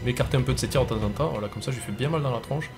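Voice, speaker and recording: A man's voice: mid-range voice, racing, loud music behind the voice. A man hosting a gaming show, commentating his own play in a casual, self-mocking way.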